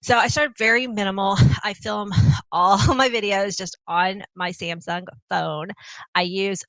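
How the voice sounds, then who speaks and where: A woman's voice: mid-range voice, fairly even intonation, unhurried, fairly bright tone, dry recording, low-quality recording. A woman from Texas with a Texan accent, hosting a live question-and-answer chat with viewers of her cooking channel in a bubbly, chatty way, often laughing. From Texas, USA. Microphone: small clip-on mic.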